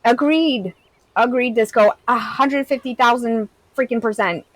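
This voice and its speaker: Speaking a little slowly in a slightly high voice, a woman in her thirties who streams games chats with her live chat. Her replies are candid and rambling, full of "like." There's no echo, but the recording quality is low.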